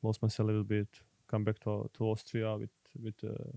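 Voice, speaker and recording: A young man from Croatia with a Croatian accent, a guest footballer speaking English in halting, repetitive phrases in a casual podcast chat. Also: lowish voice, completely flat delivery, creaky, dark tone, no echo. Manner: halting, repeats words while searching for English.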